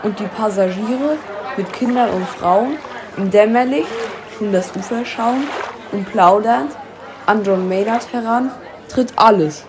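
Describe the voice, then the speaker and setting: A woman narrating a ballad as a measured, declamatory dramatic recitation. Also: medium pitch, a crowd in the background, noisy background. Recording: music under the voice.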